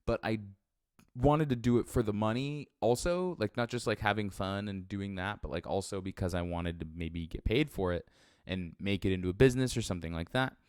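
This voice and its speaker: Man, low pitch, clean smooth tone, casual off-the-cuff monologue, blunt and sweary, close dry sound. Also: a little fast, dry recording. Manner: frequent swearing, blunt, self-deprecating. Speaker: first-time solo podcaster or vlogger. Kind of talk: unscripted casual rambling monologue. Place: sparsely furnished room indoors.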